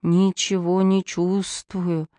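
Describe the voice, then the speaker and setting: A woman's voice: on the low side, takes it slowly, no echo. A woman voicing a frozen young male police lieutenant who talks through a blocked, nasal nose. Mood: dazed. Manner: flat, dazed and congested.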